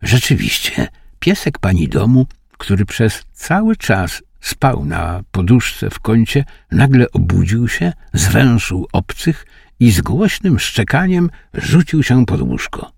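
A man reading an audiobook slowly and expressively, close to the microphone in a dry studio recording. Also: fairly low pitch, big pitch swings, vocal fry, a little mellow, husky, no room sound. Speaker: audiobook reader. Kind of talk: audiobook narration.

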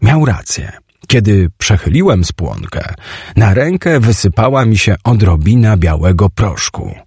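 A man narrating a story in the first person, in a vivid, expressive storytelling manner, close to a studio mic. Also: lowish voice, measured pace, slightly rough, dry recording. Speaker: audiobook narrator.

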